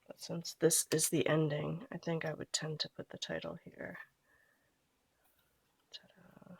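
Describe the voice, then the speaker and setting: Low-pitched and creaky with a breathy edge, her voice moves at a measured pace and sounds nasal from a cold. She's in her thirties, a scrapbooking vlogger casually chatting through a craft tutorial and trailing off as she works.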